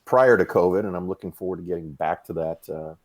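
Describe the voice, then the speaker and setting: Speaking quickly in a low voice, this fiftysomething man from Massachusetts chats casually as a podcast guest about fitness. He tells his stories in a relaxed way, filling them with plenty of fillers.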